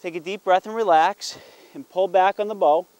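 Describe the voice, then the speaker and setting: A man's voice: high-pitched, fairly even intonation, normal speed, darkish tone, no echo. A middle-aged man with a folksy, encouraging barbecue-dad manner, explaining things casually as he hosts. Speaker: dad hosting a hunting and fishing show. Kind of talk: casual explaining to family and camera.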